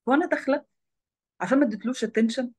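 A woman's voice: high voice, a little mellow, slightly rough. A young woman with an Egyptian Arabic accent, a former lawyer turned photojournalist, recounting her own experiences as an interview guest. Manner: rapid, tumbling storytelling.

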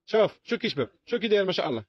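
A man with an Algerian Arabic accent working as a shop salesman, pitching products in a repetitive, insistent patter full of exclamations. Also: sing-song, racing, breathy edge. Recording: dull lo-fi recording.

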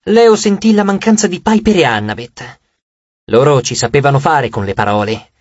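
A man narrating an audiobook chapter with expressive storytelling. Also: mid-range voice, moderate pace, no echo, dull audio. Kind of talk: scripted narration.

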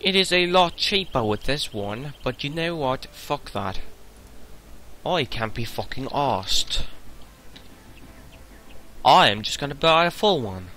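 Young guy swearing thru a game, bright edgy voice, slow, mutters then yelps. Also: medium pitch, expressive, a little hiss or hum. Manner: swearing, muttering to himself, sudden loud outbursts. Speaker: gamer narrating his play. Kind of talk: casual let's-play commentary.

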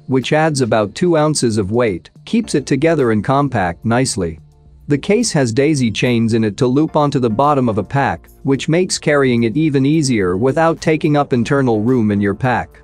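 A man's voice: mid-range voice, darkish tone. Man reading a product countdown. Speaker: product review narrator. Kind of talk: scripted voice-over narration.

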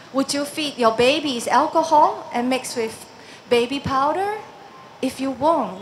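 Woman, 40s, Singaporean English accent, fairly high voice, emphatic rally speech, stand mic outdoors. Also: a little hiss or hum. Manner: impassioned, emphatic, with rising force and rhetorical questions. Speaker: protest speaker. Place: outdoor park stage. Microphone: microphone on a stand.

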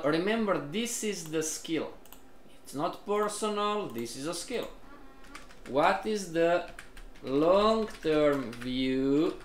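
With a voice on the high side and an echoey room around him, a man conducts a live online trading class. He addresses the group often, repeating himself and pressing his students with questions and prompts.

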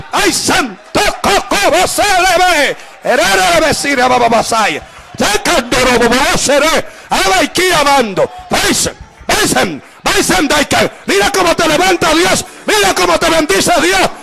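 A man's voice: very high voice, creaky. A male evangelist preaching at a church revival service, fervent and repetitive, calling out to the congregation. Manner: fervent, repetitive calls, bursts of speaking in tongues. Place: church service with music behind.

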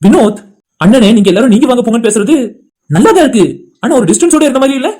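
A woman voicing a gentle, forgiving elder brother in an animated cartoon drama, speaking in a soothing, reassuring way. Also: a little high, fast talker, natural voice. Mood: affectionate.

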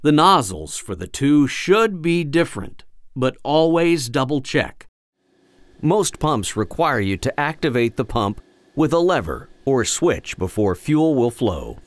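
Male voice-over for a training piece: animated pitch, clear and instructive, recorded dry and close. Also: dry recording. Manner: clear, instructive, measured delivery. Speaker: flight training narrator. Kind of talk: scripted voice-over narration.

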